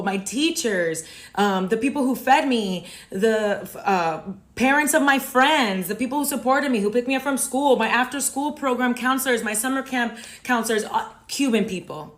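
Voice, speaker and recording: An emphatic woman with a fairly high voice, building an impassioned monologue straight to camera. She drives each point home and stops for a pointed "okay?" between them. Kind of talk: impassioned social media monologue.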